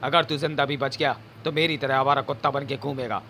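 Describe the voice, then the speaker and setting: A man's voice: medium pitch, fairly even intonation, a little fast, bright, forceful tone, slight background noise, close to an everyday voice. A man voicing a doctor turned into a vengeful, snarling dog-man who growls out menacing threats.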